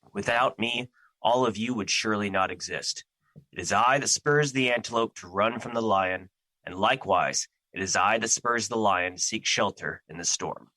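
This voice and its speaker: A man's voice: lowish voice, pushed and bright, dry recording, rough recording. A man playing Fear as an ancient, solemn and anxious being, speaking formally and theatrically in an audio drama. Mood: grandiose.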